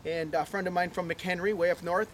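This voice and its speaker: Fast-talking folksy man outdoors. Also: sits high, steady tone. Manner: folksy, chatty, lots of "okay?" and "uh". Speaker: animal ranch owner giving a tour. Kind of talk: casual storytelling to visitors. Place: outdoors on a ranch near a barn.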